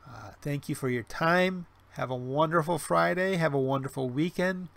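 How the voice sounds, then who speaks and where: Slightly high, creaky, and a bit bright, a forties-aged man's voice moves at normal speed as he hosts a casual livestream and reads chat over a webcam mic. He rambles with plenty of fillers and restarts, mixing in dry self-deprecating humor.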